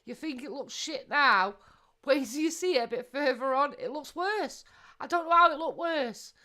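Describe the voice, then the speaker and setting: This woman co-hosts a casual livestream. She cuts in with blunt, sweary, mocking asides. Her voice is fairly high and bright. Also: normal speed. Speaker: livestream co-host.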